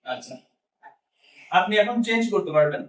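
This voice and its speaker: Guy teaching english in class, high voice, keeps quizzing the students, echoey room far from the mic. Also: expressive, moderate pace. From Bangladesh. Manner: drills students with questions and repetition. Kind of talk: classroom lesson. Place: madrasa classroom.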